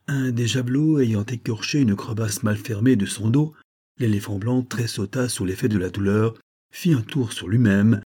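A man reading an adventure novel aloud as an audiobook narrator, measured and dramatic. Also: on the low side, mellow, slightly rough.

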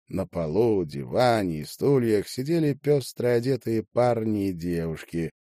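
A male audiobook narrator with a mellow, dark voice and an animated, expressive delivery. The recording is close and dry. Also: lowish voice, no room sound. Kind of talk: scripted narration.

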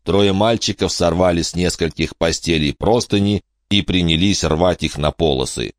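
Deep-voiced man narrating expressively. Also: no room sound, studio quality. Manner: expressive, dramatic storytelling. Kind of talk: audiobook narration.

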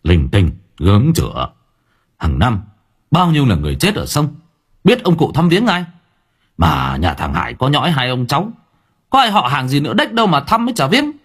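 A man voicing a scornful village gossip who scoffs and tuts quickly. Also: medium pitch, huge pitch swings, fairly bright tone, husky, pitched above the performer's own voice, full character voice.

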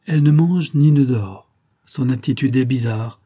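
A man's voice: medium pitch, normal speed, mellow, breathy edge, voice pushed up, natural voice. A man reading an audiobook, voicing a stern elderly woman guardian with a harsh, disapproving tone.

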